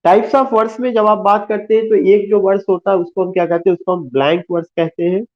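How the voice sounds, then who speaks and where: A man giving a classroom lecture, explaining slowly, repeating key terms and asking rhetorical questions. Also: high-pitched, fairly even intonation. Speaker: teacher. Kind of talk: classroom lecture mixing Hindi and English. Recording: tinny phone-like sound.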